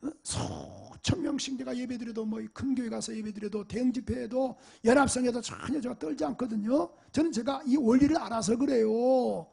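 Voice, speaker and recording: A man preaching in a church in a high voice with a gravelly, rough edge. He asks the congregation question after question and drives his points home with emphasis. His tone stays husky and a little breathy throughout. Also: lively intonation, a little fast, hardly any pauses, warm tone. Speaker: pastor. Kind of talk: sermon. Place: church sanctuary.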